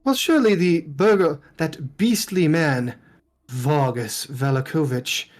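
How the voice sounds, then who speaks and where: A prim, dismissive lady of the manor, put on by a man in a tabletop game. The voice is lifted higher than usual and the pace swings from slow drawls to quick bursts. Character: haughty noblewoman, lady of a manor.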